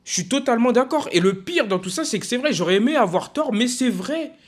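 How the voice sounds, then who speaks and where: A young man from France ranting casually in a video, frustrated and emphatic, halting often with fillers and restarts. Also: extremely high pitch, expressive. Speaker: football vlogger.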